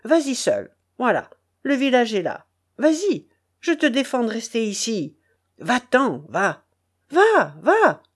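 A woman voicing a bitter, dying old grandfather with a hoarse, choked voice and anguished outbursts. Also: a little high, animated, unhurried, a little mellow. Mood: furious. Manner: anguished outbursts, pleading to God.

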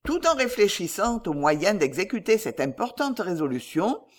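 A woman narrating a classic novel as an audiobook in a measured, expressive way. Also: mid-range voice.

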